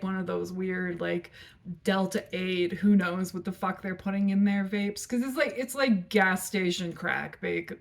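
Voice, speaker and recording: A woman vlogger telling a story in a casual, frank and profane way, rambling with lots of filler words. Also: mid-range voice.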